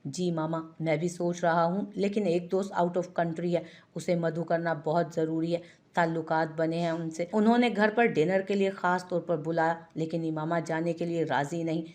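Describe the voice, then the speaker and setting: एक महिला कथावाचक एक शरारती, चिढ़ाने वाले युवा पति की आवाज़ पढ़ती है।. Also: female voice, lowish voice, steady tone, moderate pace, darkish tone, lightly acted. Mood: teasing. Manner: teasing, mock-innocent. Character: playful young husband teasing his wife. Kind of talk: audiobook character voice.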